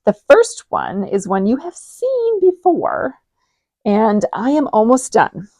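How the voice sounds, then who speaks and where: A woman's voice: fairly high pitch, wildly swooping pitch, slow pace, a little mellow, no room sound. A woman in her forties hosting a knitting podcast, chatting casually with frequent ums and restarts. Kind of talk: casual show-and-tell chat.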